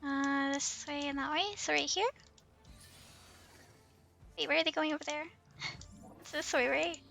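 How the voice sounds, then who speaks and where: This woman's high voice barely moves in pitch; she speaks unhurriedly with a creaky, pushed, bright quality. Streaming a game live, she giggles, gets flustered easily and chats to herself in a casual way while music plays behind her.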